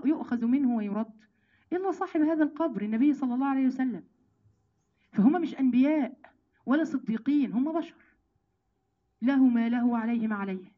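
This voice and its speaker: Egyptian woman teaching quran class, talks quick n kinda high, lots of questions at the listeners, muffled lo-fi sound. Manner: lively, rhetorical questions, addresses listeners directly; recites verses slowly and deliberately. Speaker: religious teacher. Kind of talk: Quran commentary lesson.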